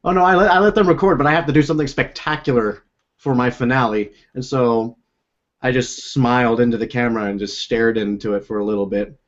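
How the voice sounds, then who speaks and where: A man's voice: medium pitch, brisk, muffled recording. A young man hosting a casual video call chat, rambling and laughing often as he talks from a room at home. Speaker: host. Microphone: own desk microphone.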